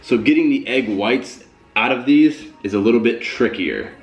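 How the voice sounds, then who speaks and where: Speaking at a moderate pace in a mid-range voice, a young fitness vlogger in his twenties explains his cooking step by step in a plain, casual how-to vlog, sounding stuffed up from a cold. It's captured on a camera mic in his small home kitchen, with music in the background and poor audio.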